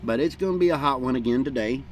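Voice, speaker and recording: A man's voice: medium pitch, fast, poor audio. A middle-aged American man chatting casually and unhurriedly outdoors in a folksy, plain-spoken way, with a pipe in his mouth between puffs. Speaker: vlogger. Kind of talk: casual rambling outdoor chat. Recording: clear background noise, outdoor hum.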